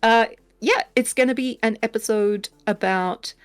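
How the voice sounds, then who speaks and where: A woman's voice: fairly high pitch, a little slow, clean tone, dry recording. A woman guest on a podcast who makes audio content, chatting playfully and laughing at herself. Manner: playful, giggly, self-mocking. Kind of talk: casual podcast chat.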